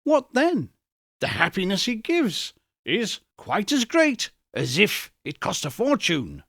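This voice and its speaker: A man's voice: sits high, huge pitch swings, slow pace, fairly bright tone, dry recording, studio quality, pitched above the performer's own voice, full character voice. A man voicing an agitated old miser in a storybook reading, earnest, defensive and emphatic. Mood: heated, earnest. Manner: heated, emphatic.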